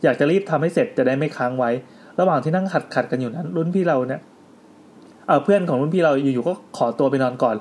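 A man's voice: a little high, fast talker, darkish tone. A man hosting a podcast, retelling listener ghost stories to his co-hosts in a storytelling way and reading letters aloud with his own asides. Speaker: podcast host. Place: indoor studio with co-hosts.

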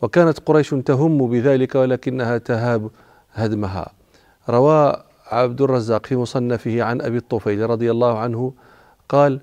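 A man's voice: mid-range voice, dark tone, no echo. A man giving a religious lecture, explaining old words as he goes and often stopping to restart a word. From Morocco. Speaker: religious teacher. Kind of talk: classical Arabic lecture on the Prophet's life.

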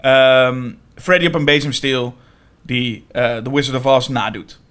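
A man co-hosting a podcast, talking casually about horror films in quick, animated bursts with many fillers. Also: medium pitch, clean tone. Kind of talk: casual film discussion.

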